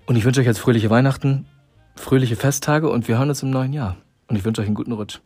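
A man reading a storybook aloud to listeners in a calm, measured way. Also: medium pitch, breathy edge, no echo, clean studio sound, soft background music. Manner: calm, measured narration with dramatic pauses.

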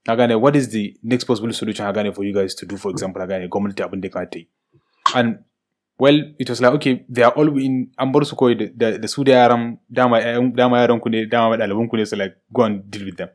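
Fast-talking man with a Hausa accent. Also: mid-range voice. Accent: Nigerian Hausa. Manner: switches between English and Hausa, repeats filler phrases. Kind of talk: casual discussion.

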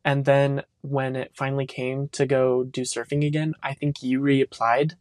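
Very deep-voiced young woman, casual. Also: little pitch movement, moderate pace, a little mellow, dry recording, studio quality. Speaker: podcast co-host. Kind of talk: casual chat.

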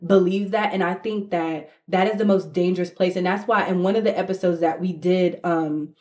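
New york woman chatting on a podcast, kinda low voice, really emphatic, repeats stuff for effect. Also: fairly even intonation, moderate pace, a little mellow. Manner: emphatic, repeats words for stress. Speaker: podcast co-host. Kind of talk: casual reflective conversation.

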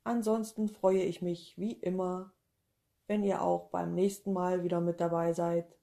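A woman reading a first-person short story aloud in a calm, even storytelling manner. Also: lowish voice, measured pace, creaky.

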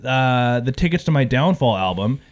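A man's voice: medium pitch, animated, normal speed. A young man co-hosting a casual podcast chat, rambling with lots of restarts and fillers. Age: young adult. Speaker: podcast co-host.

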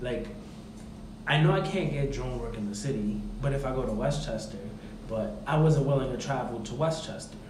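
A man's voice: medium pitch, animated, normal speed, darkish tone. A man hosting a casual podcast, talking informally in rambling, filler-filled explanations, with big reverberant echo around his voice. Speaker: podcast host. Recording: echoey reverberant room, clear background noise.

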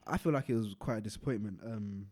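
A man's voice: fairly low pitch, quick pace, a little mellow, breathy edge. A man, hiccuping, co-hosting a casual podcast chat and explaining things at length in a laid-back way. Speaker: podcast co-host.

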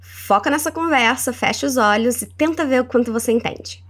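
A woman with a Brazilian Portuguese accent hosting a language lesson podcast. She is encouraging and slows down to model English words for the listener to repeat. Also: on the high side, background noise. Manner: animated and encouraging, models words slowly for repetition. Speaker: English teacher and podcast host.

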